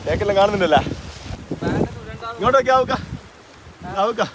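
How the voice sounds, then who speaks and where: A man's voice: high voice, expressive, a little fast. A man with a Malayali accent giving casual, exclamatory vlog commentary, mixing English words into his Malayalam and repeating short phrases. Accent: Malayali, from Kerala. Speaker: travel vlogger on a group trek. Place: outdoors on a rural hill trail. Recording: noisy outdoors, wind and vehicle noise.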